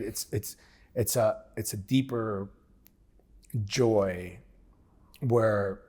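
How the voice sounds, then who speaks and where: A man's voice: on the low side, slightly rough. A man in his forties telling his story as an interview guest, frank and plain-spoken, often acting out past conversations. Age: 40s. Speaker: interview guest, former military operator.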